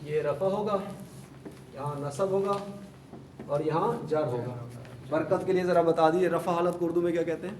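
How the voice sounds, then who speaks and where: A man teaches a class, drilling his students with questions and repeating each word form until it sticks. His voice sits a little high and comes from some distance off the mic. An echoey classroom with a faint hum carries it. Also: long pauses, a little mellow. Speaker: Arabic grammar teacher. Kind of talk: classroom lesson.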